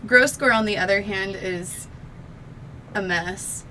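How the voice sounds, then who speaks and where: A woman hosting a panel game reads out the questions in a plain, steady way. Background noise is clearly audible behind her. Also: medium pitch, unhurried, rough recording. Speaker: host.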